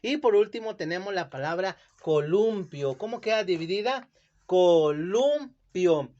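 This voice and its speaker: A man teaching children a lesson, speaking slowly and carefully and stretching words out syllable by syllable. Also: high-pitched, lively intonation, darkish tone. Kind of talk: classroom lesson explanation. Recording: dull lo-fi sound.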